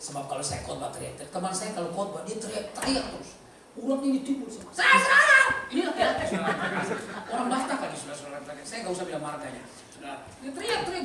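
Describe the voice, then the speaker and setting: A man preaching a sermon with a Bible reading, animated, swinging between loud bursts and quiet asides. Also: fairly high pitch. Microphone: handheld mic from a distance. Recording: echoey hall, distant mic, faint noise.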